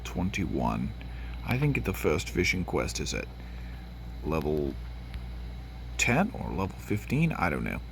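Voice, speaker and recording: Low-pitched with vocal fry and slight background noise, a man from Tennessee hosts a gaming channel. In his Tennessee accent he chats casually about the gameplay, rambling with frequent fillers and restarts and sniffling from allergies.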